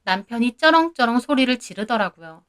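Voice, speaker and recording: A woman's voice: on the high side, animated, brisk, a bit bright, smooth. A married woman narrating her own family quarrel in an indignant, gossipy first-person storytelling voice. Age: adult, married.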